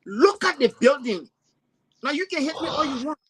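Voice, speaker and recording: High-pitched man panelist, emphatic commentary. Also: expressive, normal speed, background noise. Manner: emphatic, repeats words while searching. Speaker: panelist, college teacher.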